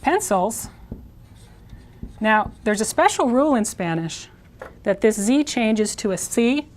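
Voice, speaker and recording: A woman teaching a Spanish lesson, modeling words slowly and repeating each one. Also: on the high side, animated, a little hiss or hum. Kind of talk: video language lesson.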